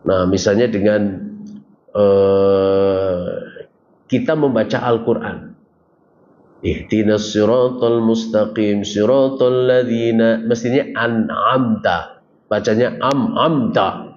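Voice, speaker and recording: A man's voice: medium pitch, darkish tone. A man preaching a casual religious lecture, asking the audience questions and joking with them. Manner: conversational, jokes with the audience, asks them questions. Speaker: Islamic preacher. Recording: dull lo-fi recording with faint ambient noise.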